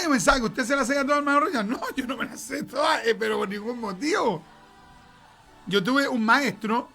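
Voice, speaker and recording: Chilean preacher guy, bright sharp voice, hammers words over and over, faint music behind. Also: very high voice. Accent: Chilean Spanish. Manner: emphatic, repeats words for stress, acts out dialogue. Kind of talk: sermon.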